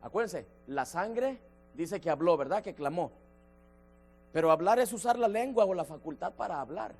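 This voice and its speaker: A man leading a church Bible study, emphatic, slowing down to stress key words and addressing listeners by name. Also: sits high, lively intonation, a little mellow, soft background music. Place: church sanctuary.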